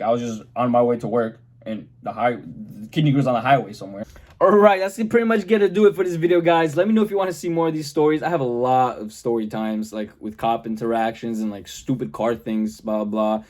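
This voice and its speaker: A young man vlogging a casual storytime about his car, animated, swearing freely and acting out the people in his quotes. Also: mid-range voice.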